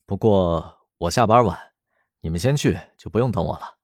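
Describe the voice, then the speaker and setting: A man's voice: sits low, moderate pace, dry recording, clean studio sound. A man voicing an easygoing, good-humored young man in a storybook reading. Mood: amused.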